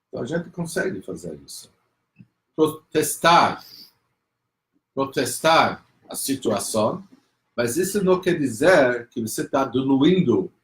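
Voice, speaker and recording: In a storytelling lesson on faith, a man animatedly acts out a child and mother in raised voices. His pitch is medium, and the recording quality is low.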